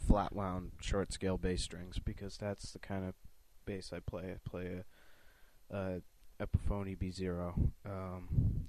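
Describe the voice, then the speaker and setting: A man's voice: low voice, darkish tone. A young man answering viewer questions in a casual vlog, rambling and profane with many restarts. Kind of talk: casual chat.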